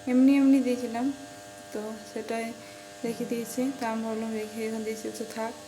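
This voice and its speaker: High-voiced chatty woman vlogger. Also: reverberant, in a large hall. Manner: chatty, addresses viewers as friends, stumbles over foreign words. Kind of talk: casual voice-over vlog narration. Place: home, recorded indoors with a motor running. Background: motor hum.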